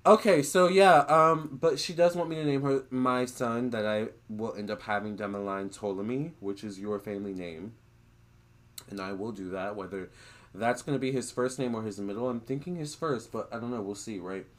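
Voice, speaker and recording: A man in a casual monologue to camera, relaying a spirit's words in a chatty, animated way with gushing exclamations. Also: on the low side, normal speed.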